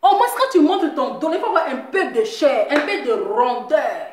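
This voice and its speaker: A woman mocks and teases in a casual rant, laughing between her jabs and repeating herself. Her voice sits high and swoops up and down with lively energy. The room around her rings with a noticeable echo. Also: moderate pace. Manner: teasing, repetitive, laughing as she talks. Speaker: social media commentator. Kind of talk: mocking casual rant to viewers.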